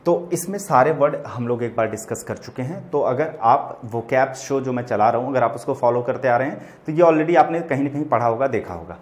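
A man's voice: medium pitch, a little fast, hardly any pauses, darkish tone. A man with an Indian accent teaching an online vocabulary lesson, explaining word meanings patiently, addressing students as children and spelling words out letter by letter. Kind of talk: online exam-prep lesson.

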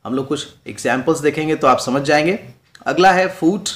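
A man's voice: a little high, a little fast, a bit bright. Hindi-speaking male teacher explaining poetry. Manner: mixes English terms into explanations, checks in with "right?". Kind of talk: classroom lecture.

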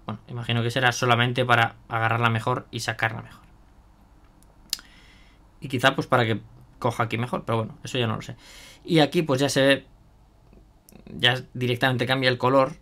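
A man's voice: medium pitch, fairly even intonation, fairly quick, long pauses, pushed and bright. A man chatting casually through a hands-on product demo, thinking aloud with fillers and asides to viewers. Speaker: miniature painting youtuber.

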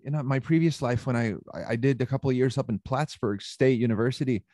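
Chilean-born rock singer, easygoing. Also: male voice, medium pitch, quick pace, no room sound, clean studio sound. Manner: relaxed, laughs often, many fillers. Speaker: band frontman, guest. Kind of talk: casual interview chat.

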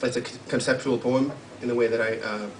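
A man introducing his poem at a live reading, halting and searching for words as he explains it. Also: medium pitch, steady tone. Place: live literary event hall. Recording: roomy, distant live mic with faint hum.

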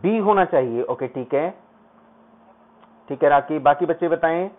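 A man with a fairly high voice teaches a live online exam-prep class. He reads English questions slowly, breaks them down in Hindi, and names his students as he praises them. The sound is tinny and narrow, like a phone line.

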